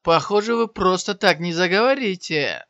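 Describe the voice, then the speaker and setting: A man voicing a cold, contemptuous young martial hero who speaks flatly and without hurry. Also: high-pitched, moderate pace, dry recording, pitched above the performer's own voice. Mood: icy. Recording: slightly dull, dry lo-fi sound.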